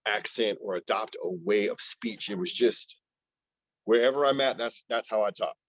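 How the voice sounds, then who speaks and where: A man speaking as a panel guest in casual discussion, relaxed and often repeating words as he thinks. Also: on the low side, normal speed, no echo, dull audio.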